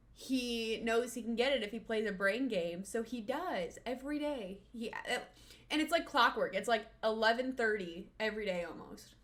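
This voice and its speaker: A young woman chatting casually on a live stream from her room at home, rambling and cooing baby-talk at her dog. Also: fairly high pitch. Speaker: livestreamer.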